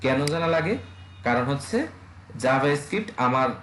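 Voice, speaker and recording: A man's voice: medium pitch, expressive, normal speed, fairly bright tone, roomy sound, slight background noise. A man, teaching an online web design class in a casual way, with many fillers and checks on his students.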